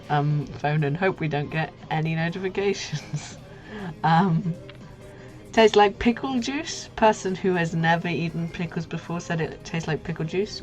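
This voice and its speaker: A young artist hosting a relaxed livestream has a deep voice with a darkish tone. She chats goofily, giggling and using slang, while music plays under the muffled, lo-fi stream audio.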